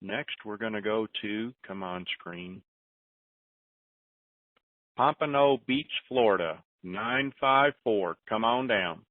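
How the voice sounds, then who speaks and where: Speaking slowly and with animation, this fairly low-voiced man runs a call-in conference, offering advice in an informal, folksy style. There's no room sound, though the telephone conference line is muffled and the mic distant.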